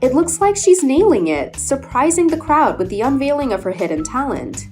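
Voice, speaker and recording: A woman delivers scripted compilation narration in a fairly high voice. Her intonation is very lively and varied, with faint music underneath. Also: normal speed. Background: background music.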